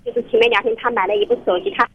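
A woman calling a radio counseling show over the phone tells her story very fast, earnest and rambling, with many restarts. Her voice is a little high and steady in tone.

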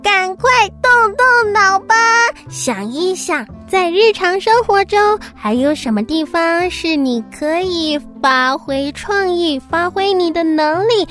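A woman presents a children's radio programme, speaking in an animated way as if reading to a toddler. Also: very high-pitched, slow pace, hardly any pauses, faint music behind.

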